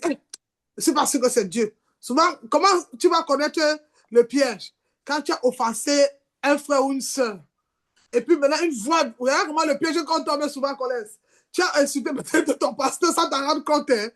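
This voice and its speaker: High-voiced woman preaching a sermon. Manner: animated, shifts between shouting and near-whispers, acts out voices.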